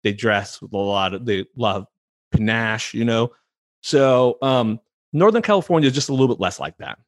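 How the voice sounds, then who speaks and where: An American man in his thirties talks easily as a guest in an interview, laughing often and restarting his sentences. His pitch sits in the ordinary middle for a man. The sound is close and dry, with no room echo. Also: lively intonation, normal speed. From United States, San Francisco Bay Area. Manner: chatty, laughs easily, repeats words when starting a thought. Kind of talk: casual interview conversation.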